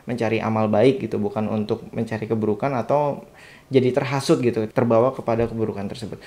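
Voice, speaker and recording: A man's voice: medium pitch, dark tone. A young man hosting his own channel, telling a personal story in a chatty, reflective way and speaking directly to his viewers. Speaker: satellite dish installer and channel host. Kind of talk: casual storytelling vlog.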